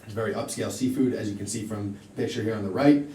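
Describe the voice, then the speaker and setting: A young man makes a persuasive, emphatic sales pitch in a fairly low voice. He sounds distant from the microphone in an echoey room, presenting like a venue salesperson. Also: fairly even intonation, quick pace, dark tone. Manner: persuasive, emphatic with repeated assurances. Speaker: event venue salesperson in a role play. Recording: echoey room, distant mic, faint rumbling noise.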